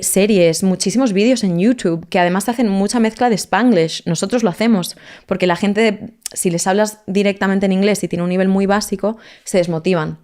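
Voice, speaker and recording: A woman, a language teacher explaining her methods in an interview, lively and mixing in English words. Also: medium pitch. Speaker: language teacher, guest expert.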